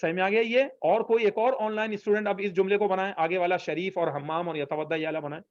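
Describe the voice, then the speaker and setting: A man's voice: sits high, steady tone, no room sound, muffled recording. A man teaching an online language class, patiently repeating phrases for students to copy. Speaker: Arabic teacher.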